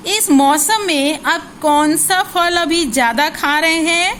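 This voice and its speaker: A woman's voice: high-pitched, slow pace, a bit bright, a little hiss or hum, poor audio. A woman teaching a class of young children, spelling out words syllable by syllable and asking questions that she then answers herself. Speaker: primary school teacher. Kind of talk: slow, drilled recitation lesson for young children.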